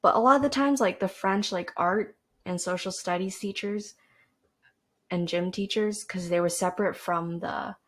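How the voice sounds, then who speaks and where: A woman's voice: mid-range voice, normal speed, a bit bright. Young canadian woman just rambling on her podcast, chatty, self-deprecating, lots of likes and restarts, desk mic. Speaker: podcast host. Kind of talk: casual rambling monologue. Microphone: desk microphone with a cord.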